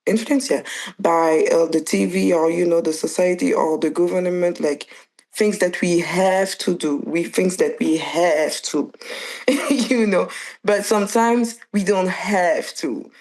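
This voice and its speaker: A woman's voice: on the low side, a little slow, darkish tone. A young woman from Belgium, a dancer and choreographer, chatting loosely as an interview guest, with frequent restarts and fillers. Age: young adult. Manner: loose and searching, full of restarts and "like". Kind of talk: casual interview chat.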